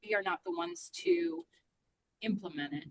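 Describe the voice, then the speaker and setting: A woman's voice: very high-pitched, wildly swooping pitch, normal speed, creaky, noisy background. A woman calling in on a car speakerphone while she drives, speaking in a casual, hesitant way with frequent ums and restarts. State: driving while talking. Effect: car speakerphone call. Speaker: caller from an advocacy organization. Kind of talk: casual chat. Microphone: phone speakerphone in a car.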